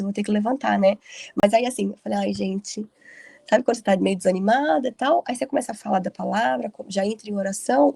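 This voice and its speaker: A woman's voice: sits high, gravelly, warm tone, husky, no echo. A woman leading a casual group Bible study, telling stories in a chatty way with frequent tag questions. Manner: chatty storytelling with frequent "né" tags.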